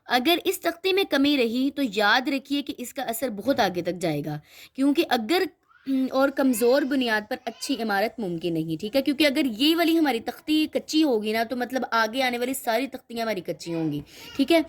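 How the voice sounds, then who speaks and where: A woman's voice: fairly high pitch, expressive. A woman teaching a children's Quran reading lesson, explaining each sound patiently and often stopping to check that the listener follows. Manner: explains slowly, checks in with "theek hai?" often; models letter sounds, drawn out and repeated.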